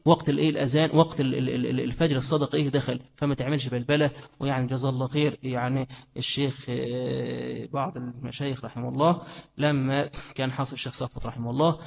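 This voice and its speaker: Fast-talking Egyptian man teaching religion. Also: medium pitch, gravelly, a little mellow, big-room sound. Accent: Egyptian Arabic. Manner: asks the listeners questions and answers them himself. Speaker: Islamic teacher. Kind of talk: religious lesson.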